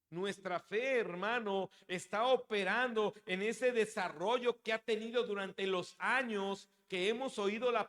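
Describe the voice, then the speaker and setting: A man with a high, light voice reads scripture aloud and preaches to his congregation, calling them "brother". His voice rings through a church hall with a long reverb tail. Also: fairly bright tone. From Mexico. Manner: addresses listeners as brother. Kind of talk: sermon with scripture reading.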